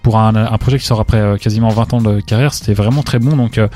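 A man, co-hosting a casual rap news chat, talking quickly and full of fillers. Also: lowish voice, fairly even intonation, dark tone, faint music behind. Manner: quick, chatty, many "euh" fillers, opinionated. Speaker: co-host.

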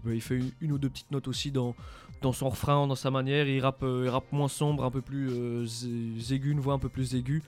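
A man weighs in on a rap album in a relaxed studio panel. He talks haltingly, restarting and filling with "euh" as he goes. His voice sits at an average pitch, with faint music underneath. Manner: halting, many restarts and fillers. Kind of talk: casual studio debate.

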